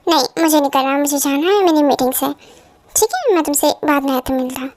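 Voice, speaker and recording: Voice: high voice, quick pace, a little hiss or hum, pitched below the performer's own voice. A performer voicing a cold, short-tempered young man who speaks in a curt, commanding way, in a fan-dubbed drama. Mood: softened. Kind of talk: fan dub drama acting.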